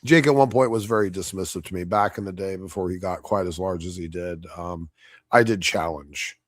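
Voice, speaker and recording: A debate reviewer streaming live speaks in a fairly low, slightly hoarse voice, blunt, combative and full of cussing. His brisk delivery is casual and off the cuff, like a streamer commenting live, and the sound is close and dry with no room around it.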